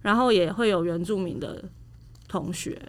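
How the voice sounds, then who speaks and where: Taiwanese accent woman, mid pitch, casual podcast chat, gently pushes back, really dry sound. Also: normal speed, no echo.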